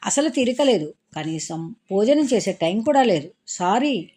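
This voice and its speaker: Here a woman voices a young man in a Telugu audiobook, apologetic and tender as he comforts his crying girlfriend. She pushes her medium-pitched voice up, speaking in a sing-song, measured way that's mellow and slightly rough.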